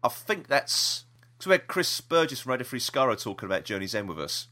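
A British man hosts a casual podcast about TV news, rambling through the stories and sharing his opinions freely. His voice is bright and lively, with lots of pitch movement and a brisk pace.

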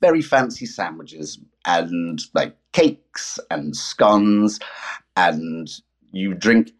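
A man's voice: low voice, expressive, extremely slow. A man with an English accent, a musician guest chatting casually on a podcast and telling self-deprecating stories. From England.

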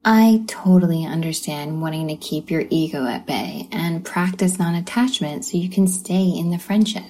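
Mellow woman hosting from a bathroom. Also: fairly low pitch, normal speed. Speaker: podcast host. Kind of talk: conversational podcast monologue. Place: small apartment bathroom, indoors.

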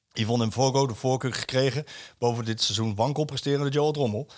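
A man hosting a football talk show, chatting and reading a column aloud with hesitant fillers. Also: medium pitch. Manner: hesitant, many fillers, chuckles while reading. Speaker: football radio show host.

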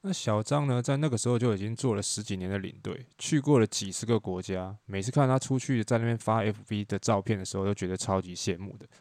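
A man's voice: on the low side, fast, few pauses, darkish tone, dry recording, studio quality. A man who works as a tour leader hosts a solo podcast, telling wry, chatty stories from his job. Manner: chatty, wry storytelling with quoted dialogue.

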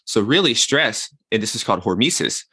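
In a dry recording, a man in his thirties speaks fairly quickly in a lowish, slightly rough voice with a bright, forceful, sing-song quality. As a health consultant guest in a conversational interview, he reflects on his points and leans on everyday analogies to make them.

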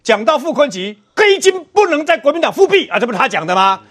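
Speaking fast in a very high voice, a Taiwanese-accented man weighs in on politics as a talk show commentator. His tone is animated and scolding as he fires rhetorical questions.

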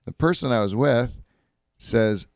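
A man's voice: mid-range voice, measured pace, no echo, clean studio sound. A man hosting a podcast in casual chat, rambling and laughing as he tells stories. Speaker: podcast host.

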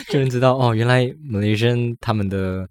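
A woman's voice: a bass voice, darkish tone. A woman from Malaysia with a Malaysian accent, co-hosting a casual podcast chat, laughing often. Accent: Malaysian Chinese. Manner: fast-talking, code-switching, laughs often. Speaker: podcast co-host.

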